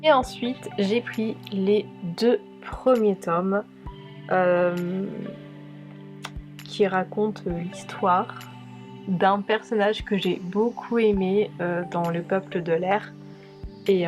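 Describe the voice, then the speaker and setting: A woman presenting her monthly book purchases to viewers in a casual, hesitant way, often pausing on filler sounds. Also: fairly low pitch, steady tone, a little mellow, faint music behind. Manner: hesitant, many filler pauses. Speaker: book vlogger.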